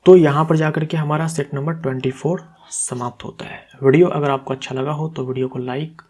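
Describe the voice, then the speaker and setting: This exam-prep tutor's voice sits fairly high, with a steady, brisk, somewhat mellow tone. Working methodically through quiz answers, he asks questions, supplies the answers himself, and audibly fixes his own slips.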